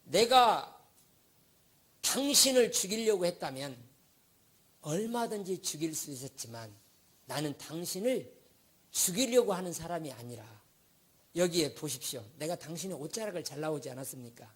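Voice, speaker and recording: A man's voice: on the high side, lively intonation, normal speed, long pauses, husky. A male pastor voicing David as a grown man who pleads with a king in a formal, subdued and deferential way. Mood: solemn pleading.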